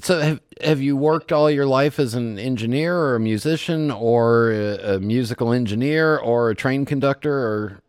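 A man's voice: mid-range voice, moderate pace, hardly any pauses, a little mellow, clean tone, no room sound. Jokey male radio host, dry sound. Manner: jokey, teasing, laughs a lot. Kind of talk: radio interview hosting.

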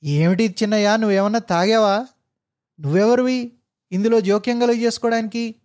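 A man voicing an arrogant male engineer boss who barks insults and mixes English words into his shouting. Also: fairly high pitch, normal speed, lightly acted. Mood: furious. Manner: barking insults, mixing in English.

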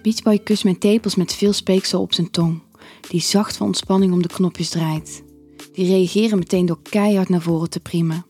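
A woman reading a first-person story aloud in an intimate, unhurried way. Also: on the low side, steady tone, a little mellow, husky, faint music behind. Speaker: narrator. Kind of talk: scripted story narration.

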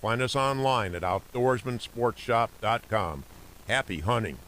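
A man's voice: mid-range voice, a little slow, a bit bright, slight background noise. An American man reading a scripted radio commercial as an announcer. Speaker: advertisement announcer.

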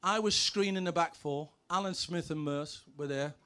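A man's voice: on the high side, normal speed, fairly bright tone, clean tone. A middle-aged man, a former footballer, telling brash comic anecdotes with sweary punchlines. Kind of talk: comic anecdotes, stand-up storytelling.

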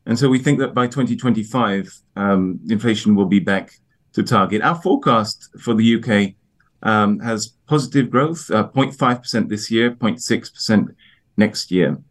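A man answering broadcast interview questions on economics as an expert guest, in a halting, hesitant manner with repeated words. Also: on the low side. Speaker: economist guest, IMF research division head.

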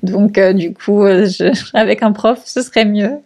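A woman's voice: mid-range voice, normal speed, darkish tone. A woman guest talking casually about learning a language, chatty, with many fillers and restarts and easy laughter. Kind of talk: casual conversational interview.

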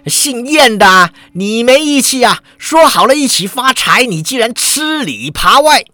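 A man voicing a brash villain who yells threats. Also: very high voice, sing-song, measured pace, no echo, voice pushed up, full character voice. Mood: threatening. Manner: shouting, bullying.

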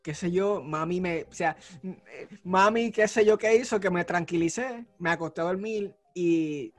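A man telling a personal story in a casual podcast chat, animated and acting out the moments. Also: high voice, normal speed, faint music behind. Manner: animated storyteller, acts out shouts. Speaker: podcast co-host.

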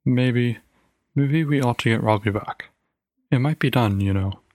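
A man's voice: medium pitch, a little slow, darkish tone, dry recording, clean studio sound, natural voice. A man voicing a weary, skeptical husband who grumbles glumly in a storybook reading. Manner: glum and grumbling.

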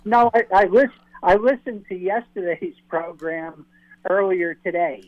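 A man calling in to a radio show on speakerphone, talking haltingly and repeating words as he restarts. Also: high-pitched, no room sound. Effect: on speakerphone over a phone line. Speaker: caller. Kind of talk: radio call-in question. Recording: tinny phone line on speakerphone.

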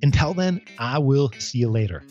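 A man's voice: medium pitch, expressive, moderate pace, a little mellow, dull audio, soft background music. A man hosting a podcast, chatting casually and playfully, laughing often. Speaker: podcast host.

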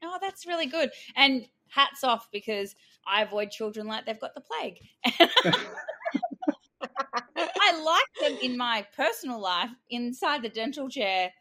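A woman hosts a casual interview podcast with a bubbly, jokey manner and frequent laughter. Her voice is bright and a bit high. She sounds lively and eager. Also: measured pace. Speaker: podcast host, dental hygienist.

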